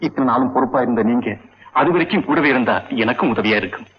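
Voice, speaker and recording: An actor playing an earnest, principled young doctor who reasons calmly with his family. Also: medium pitch, fast, husky, natural voice. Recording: dull old film soundtrack with faint music.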